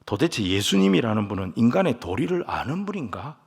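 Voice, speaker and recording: A male pastor preaching a sermon, emphatic, moving from soft near-whispers to loud stressed lines and leading the congregation in scripture reading. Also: mid-range voice, very animated, a little fast, creaky, husky. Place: large church sanctuary. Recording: long church hall reverb.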